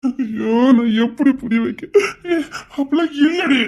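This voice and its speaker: A performer voicing a devoted young husband who swears loyalty to his crying wife and scolds others loudly, in a Tamil romance audio drama. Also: high-pitched, unhurried, dull audio. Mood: pleading, scolding.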